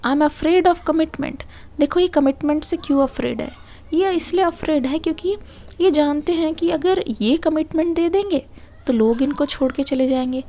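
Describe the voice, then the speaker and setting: A woman gives a tarot reading to her viewers. Her voice sits high but sounds mellow and warm. She explains patiently and keeps dropping in a reassuring filler as she goes. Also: normal speed. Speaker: tarot reader.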